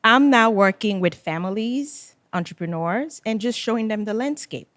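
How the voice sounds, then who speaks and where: A middle-aged woman from Haiti, a real estate advisor and former educator, speaking in a measured, composed way as a podcast guest. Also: fairly high pitch, expressive, fairly bright tone, no echo, studio quality. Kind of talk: conversational podcast interview.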